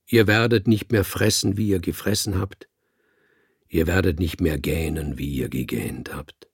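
A man's voice: low voice, breathy edge, no echo, clean studio sound, full character voice. A man reading an audiobook and voicing a male cat who preaches to other cats in a sonorous, solemn manner. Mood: grave. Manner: sonorous, slow and grave like a sermon.

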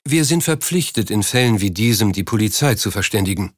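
A man reading an audiobook, voicing a hospital doctor in a measured, sober manner. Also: lowish voice, animated, dry recording, studio quality. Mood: formal. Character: grave, formal male hospital doctor.

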